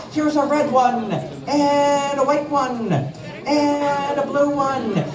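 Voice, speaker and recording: A man with a very high-pitched voice works as a children's party magician, playful and exclamatory. He repeats his phrases for a young audience. The recording is distant and echoey, with a loud crowd around him.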